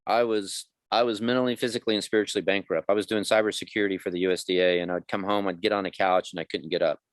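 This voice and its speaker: Man, fifties, deep voice, dry studio sound, frank storyteller voicing other people's lines. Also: steady tone, rapid-fire, dry recording. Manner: candid storytelling, acts out quoted dialogue. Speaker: guest. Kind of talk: conversational podcast interview.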